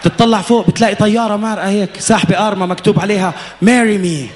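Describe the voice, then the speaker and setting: A man's voice: high voice, fairly even intonation, very fast. A man with a Levantine Arabic accent doing stand-up comedy, telling stories as an escalating comic rant and acting out dialogue.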